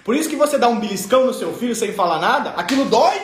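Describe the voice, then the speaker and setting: A man with a southern Brazilian accent delivers an emphatic, playful motivational talk in a very high voice. His words ring out in an echoey room. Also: lively intonation, rapid-fire, a little hiss or hum. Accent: southern Brazilian, Rio Grande do Sul. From Rio Grande do Sul, Brazil. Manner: emphatic, playful, acts out examples. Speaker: motivational speaker.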